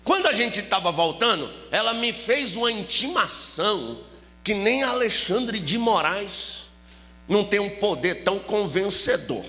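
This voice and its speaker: A man preaching his personal testimony as a lively story, rising into a chanted, sing-song preaching cadence. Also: high-pitched, measured pace, big-room sound, faint music behind. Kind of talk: testimony sermon, storytelling with acted dialogue.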